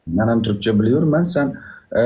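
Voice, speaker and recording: A man with an Uzbek accent chatting casually on a livestream in halting, broken foreigner's Turkish, repeating himself. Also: mid-range voice, sing-song, dark tone. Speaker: livestream host. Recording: slightly noisy livestream audio.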